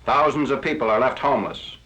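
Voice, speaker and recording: A man giving scripted narration for an old 1940s newsreel, in a crisp, formal announcer delivery. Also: mid-range voice, fast talker, pushed and bright, slight background noise. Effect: old 1940s newsreel recording. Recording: lo-fi archival newsreel audio.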